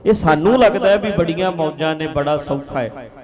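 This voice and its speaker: A man's voice: fairly high pitch, normal speed. Earnest Punjabi preacher man. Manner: earnest, folksy, asks listeners directly. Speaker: Sikh preacher. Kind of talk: sermon storytelling.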